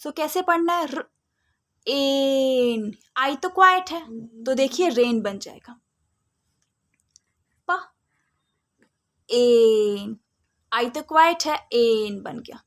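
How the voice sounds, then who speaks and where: A woman giving a phonics lesson to parents, drawing out and sounding out letters slowly. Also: sits high, pushed and bright. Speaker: phonics teacher.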